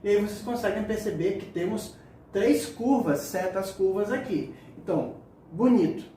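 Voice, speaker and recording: A man teaching a sign language lesson, speaking haltingly and repeating words as he demonstrates signs. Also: high-pitched, lively intonation, warm tone. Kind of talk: spoken lesson explaining signs. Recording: echoey distant mic with faint room noise.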